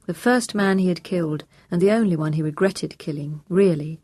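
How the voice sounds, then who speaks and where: A woman narrating an audiobook in a measured, steady reading. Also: on the low side, no room sound.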